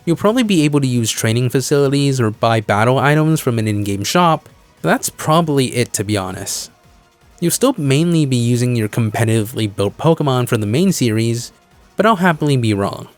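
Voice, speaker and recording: A man's voice: mid-range voice, animated, brisk. A man presenting scripted video-essay commentary in an explanatory way, leaning on key phrases for emphasis. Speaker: video creator and host. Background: background music.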